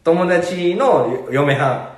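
A man's voice: on the high side, very slow, echoey room. A man with a Kansai accent telling stories as co-host of a casual chat podcast, laughing often. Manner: storytelling, animated, laughs often.

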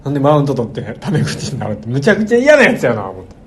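A man's voice: mid-range voice, very fast, slight background noise. A man with a Kansai accent, chatting as co-host of a web radio show and telling stories with acted-out quotes. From Kansai, Japan. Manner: animated storytelling with acted-out quotes. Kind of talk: casual chat.

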